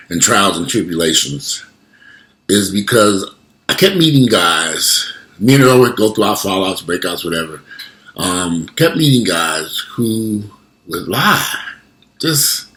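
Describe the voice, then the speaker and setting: Toothless guy late 40s, lowish voice, chatting to followers, blunt, says stuff twice. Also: bright, forceful tone. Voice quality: toothless speech, missing teeth. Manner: blunt, emphatic, repeats himself. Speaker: vlogger. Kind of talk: casual talk to social media followers.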